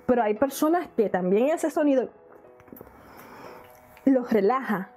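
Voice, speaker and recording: A woman's voice: on the high side, lively intonation, measured pace, darkish tone, faint music behind. A married woman vlogging casually to her viewers, chatty and full of questions, laughing now and then. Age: adult, married. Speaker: YouTube vlogger. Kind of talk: casual chat to camera.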